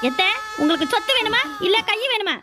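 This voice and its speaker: A woman voicing a scheming, sharp-tongued young woman in a cartoon, taunting and ordering the others around. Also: extremely high pitch, animated, quick pace, very noisy. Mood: coaxing. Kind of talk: cartoon voice acting.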